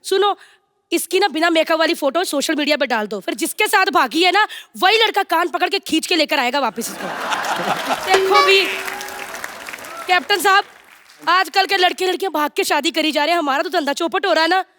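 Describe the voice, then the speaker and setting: A woman's voice: very high voice, animated, brisk, some chatter behind, full character voice. A woman playing a brash, flirty matchmaker in stage sketch comedy, with Punjabi-accented Hindi and playful, teasing exclamations. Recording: noisy stage with loud studio audience.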